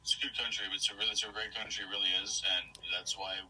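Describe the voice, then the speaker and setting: A man with a low yet very bright, sharp-edged voice, holding firm, opinionated views and explaining them. He sounds a little far from his video chat mic, with faint noise behind him. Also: little pitch movement, very fast. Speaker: conservative stranger on a video chat. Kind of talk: casual chat.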